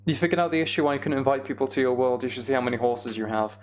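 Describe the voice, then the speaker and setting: A male gaming streamer races along in a mid-range voice, casually addressing his viewers while muttering a step-by-step account of his task to himself. Keyboard typing and clicking come through clearly, along with other background noise.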